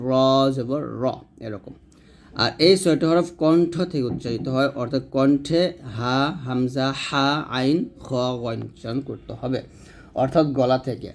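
A Bangladeshi man with a Bangladeshi Bengali accent gives a patient recitation lesson at a mid-range pitch. He stretches each letter sound out slowly, then rattles off quick notes on where the tongue and teeth go. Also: slight background noise. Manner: slow, drawn-out letter sounds between quick explanations. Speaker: Quran reading teacher.

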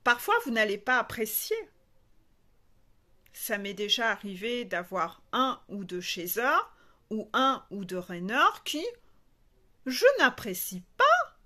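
A woman's voice: medium pitch, lively intonation, slow pace, bright, forceful tone. A woman spiritual coach talking frankly and animatedly to her viewers, acting out little scenes along the way. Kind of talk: casual monologue to viewers.

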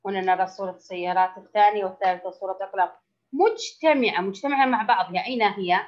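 A woman teacher leading a recorded lesson for young children, her voice sitting at an ordinary middle pitch. She quizzes the class, stretches important words out slowly and keeps praising their answers. The recording sounds somewhat dull and muffled. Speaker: first-grade Arabic teacher.

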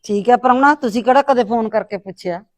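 A woman playing a sharp-tongued scornful aunt. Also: a little high, fast, close to an everyday voice. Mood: haughty. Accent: Punjabi. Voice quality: scolding, taunting. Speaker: visiting aunt. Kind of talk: village drama acting.

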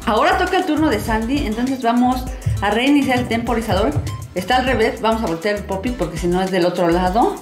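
High, bright sing-song woman host. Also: a little fast. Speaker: host of a toy channel. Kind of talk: casual playful presenting to camera. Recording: roomy echo, music underneath. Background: background music.

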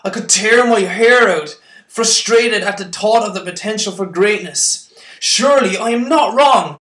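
A man's voice: sits high, measured pace, a bit bright, roomy sound. A young man performing spoken word poetry, intense and building to impassioned outbursts.

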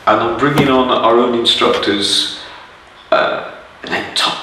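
A man's voice: mid-range voice, unhurried, background noise. An older man, a sailing club instructor, talking with enthusiasm in a documentary interview in an indoor clubroom. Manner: enthusiastic, animated storytelling. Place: indoor clubroom with photos on the wall. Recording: roomy, distant, with music behind.

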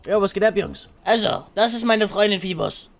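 Big Sosa, a man doing a crude gravelly hustler. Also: high-pitched, animated, moderate pace, crowd noise. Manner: crude teasing, vulgar jokes. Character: brash male street hustler, crude joker. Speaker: roleplay streamer. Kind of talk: game roleplay banter.

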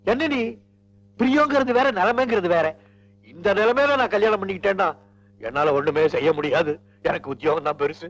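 An actor playing a bookish, teasing husband in a Tamil film who talks theatrically and swings into mock anger. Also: male voice, sits high, a little fast, highs cut off. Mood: earnest. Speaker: male lead. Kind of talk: 1980s Tamil film acting.

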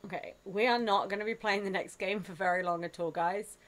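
A woman's voice: medium pitch, fairly even intonation, brisk, a bit bright. A woman streamer chatting casually and teasing her co-hosts, often laughing. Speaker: streamer host.

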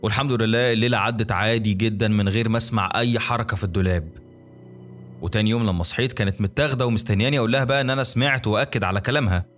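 A man's voice: fairly low pitch, a bit bright, faint music behind. A man with an Egyptian accent narrating a dramatic first-person story in colloquial speech. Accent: Egyptian Arabic. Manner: rapid, colloquial, conversational.

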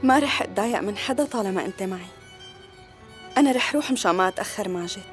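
A woman voicing a brisk young woman, very fast-talking. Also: medium pitch, expressive, soft background music, lightly acted. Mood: calm. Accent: Syrian Arabic. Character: young woman heading to a wedding party. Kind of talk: dubbed TV drama.

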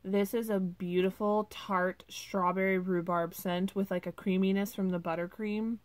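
A woman's voice: mid-range voice, level tone, moderate pace, darkish tone. A woman vlogger casually reviewing wax melts at home, chatty and gushing, with many ums and likes.

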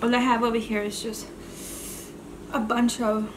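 A woman's voice: a little high, little pitch movement, a little slow, noisy background. A woman hosting a mukbang video, chatting casually and rambling between bites of food. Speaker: mukbang channel host. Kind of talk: casual chat while eating on camera.

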